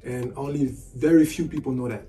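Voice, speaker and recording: Loud music plays behind this brisk, steady, medium-pitched male voice, picked up by a distant mic. He's a sports agent and basketball analyst from France, in his forties, seated in a hotel room and answering interview questions in a relaxed way, leaning heavily on "you know."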